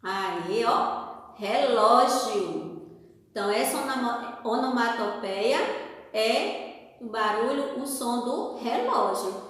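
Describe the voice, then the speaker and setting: A woman teacher with a Brazilian Portuguese accent, correcting a worksheet aloud, patiently asking questions and pausing for answers. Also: fairly high pitch, lively intonation, a bit bright. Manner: acts out sound effects and whispers for examples. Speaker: primary school teacher. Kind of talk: remote lesson correcting a worksheet. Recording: very echoey room with long reverb.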